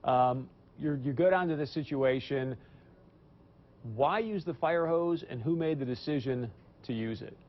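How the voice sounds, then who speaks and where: A man's voice: mid-range voice, a little slow, muffled recording. A man hosting an evening news talk show, speaking emphatically and addressing viewers directly.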